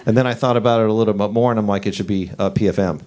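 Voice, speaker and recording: A man in his forties performing a stand-up comedy set, telling stories in an animated way with his voice rising as the story builds. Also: racing, a little hiss or hum. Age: 40s. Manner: animated storytelling, pitch climbing as the story heats up. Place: comedy club stage.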